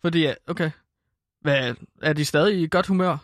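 A man's voice: on the high side, clean studio sound. Straight-faced male interviewer. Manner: calm, echoes answers, probing questions.

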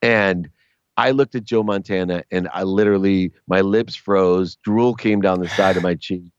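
A middle-aged man with a fairly low voice tells stories as a sports agent guest. He is animated, swinging up high whenever he quotes someone. The recording is dry and a bit dull and lo-fi. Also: normal speed, clean tone, no echo. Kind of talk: casual storytelling.

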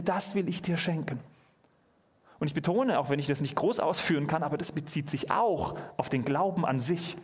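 Earnest male preacher with a high voice. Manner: earnest, addresses listeners directly with questions. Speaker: preacher at a youth church service. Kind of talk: sermon. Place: church hall.

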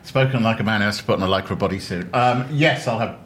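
A man's voice: lowish voice, quick pace, background noise. Wry, frank man in casual chat. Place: restaurant table.

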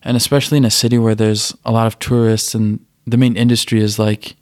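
Flat-voiced man chatting as a podcast guest. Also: lowish voice, brisk, dry recording, studio quality. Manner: relaxed, easygoing, many fillers. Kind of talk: casual conversation.

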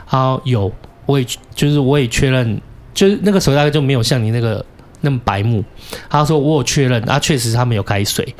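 Man, Taiwanese Mandarin accent, casual podcast chat, animated storytelling, salty language. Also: mid-range voice, fast. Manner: animated storyteller, swears, shouts when reenacting anger. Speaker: podcast co-host.

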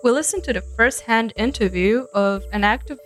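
A woman's voice: fairly high pitch, moderate pace, soft background music. A woman from Serbia co-hosting a podcast, explaining things in a casual way and laughing easily. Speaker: podcast co-host.

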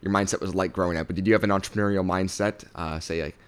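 A man's voice: deep voice, steady tone, quick pace, a bit bright, smooth. A man hosting a podcast interview, reading a polite scripted intro and then asking questions with brief encouraging replies. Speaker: podcast host.

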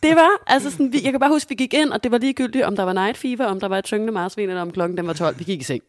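A woman's voice: medium pitch, no room sound, clean studio sound. A young woman co-hosting a podcast, telling a story in a casual chat and acting out the quotes. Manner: animated storytelling, acts out quotes. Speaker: podcast co-host.

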